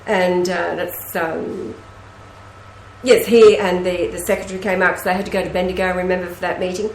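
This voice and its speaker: A woman telling stories in a casual conversation, animated and quick to act out what others said. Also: fairly low pitch, a little hiss or hum. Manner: animated storyteller, acts out quoted speech. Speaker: host. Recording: echoey room.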